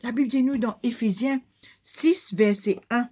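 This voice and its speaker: An older woman with a Mauritian Creole accent, telling a Bible story to children, animated, dropping to hushed whispery asides and rising to loud calls. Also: a little high, a little slow, slightly rough.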